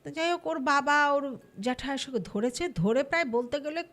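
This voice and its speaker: A woman telling a true ghost story casually, lively and acting out the people she quotes. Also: high-pitched, normal speed. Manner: lively, acts out quoted voices. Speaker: storyteller guest.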